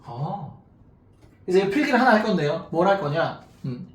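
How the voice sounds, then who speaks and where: A man's voice: high-pitched, sing-song, normal speed. A man teaching a math class to students, talking casually and constantly checking that they follow. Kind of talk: classroom lecture. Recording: echoey room, mic far off, faint noise.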